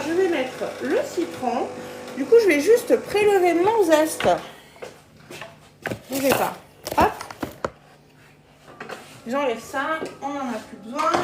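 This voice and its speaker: A chatty woman with a high voice runs a live cooking demonstration from her home kitchen. She talks casually to viewers, trips over her words, and laughs easily. Her voice rings with the roomy echo of the kitchen. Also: a little hiss or hum. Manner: chatty, laughs often, stumbles and repeats words.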